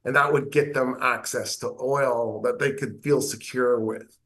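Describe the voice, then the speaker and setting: American male professor, lively lecturer, dry humor, mid-pitch voice. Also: a little slow. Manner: animated lecturing with wry asides. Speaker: professor of government. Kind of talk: interview explaining history.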